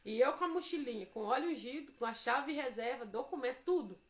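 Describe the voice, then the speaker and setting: A Brazilian woman with a high-pitched voice shares a devotional testimony. She tells her story emphatically and acts out each quoted line as she goes. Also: expressive, fairly quick.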